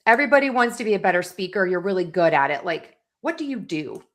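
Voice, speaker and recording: A woman's voice: fairly low pitch, very animated, fast talker, a bit bright. A woman hosting an interview, a voice coach who talks with enthusiasm and encouragement. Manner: enthusiastic, encouraging, often says she loves it. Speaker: podcast host and voice coach. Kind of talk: casual interview chat.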